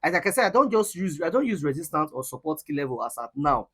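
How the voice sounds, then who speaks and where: Brief: male trading coach, slightly high voice, emphatic, repeats himself, live Q&A host. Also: big pitch swings, fast talker, fairly bright tone, slightly rough. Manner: emphatic, repeats words, teasing laughs. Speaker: forex trading coach hosting live session. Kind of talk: live online trading lesson with Q&A.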